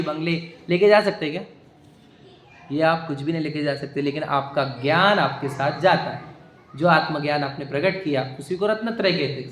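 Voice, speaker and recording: A man's voice: high voice, fairly bright tone. A man giving a religious discourse to a seated audience in a hall, explaining step by step and often asking the listeners whether they follow. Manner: explanatory, keeps questioning the listeners. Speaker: Jain religious teacher. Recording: echoey hall.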